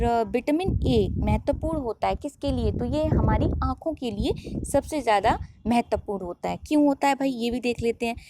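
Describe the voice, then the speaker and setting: A woman's voice: a little high, mellow. Woman teaching biology. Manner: repeats questions and answers them herself, drills terms. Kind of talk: online lesson.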